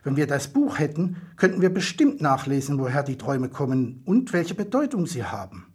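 A man's voice: on the high side, sing-song, normal speed, breathy edge, exaggerated voice. A man voicing a pushy, stubborn young kobold girl in an audiobook, needling and insistent. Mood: eager.

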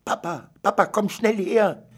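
A man's voice: medium pitch, expressive, slow, gravelly, breathy edge, heavily acted. A man voicing a stubborn little girl who pleads and whines to get her way. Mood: pleading. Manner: wheedling and whiny.

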